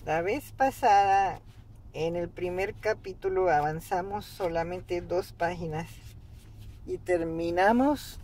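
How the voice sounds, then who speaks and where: A middle-aged man slowly reading aloud from a book and explaining it, with frequent pauses, restarts and fillers, recorded from a dashboard camera in a parked car. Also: high voice, darkish tone, slight background noise. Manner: hesitant, many restarts and fillers. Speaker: reader and meditation teacher. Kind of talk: slow halting book reading with commentary.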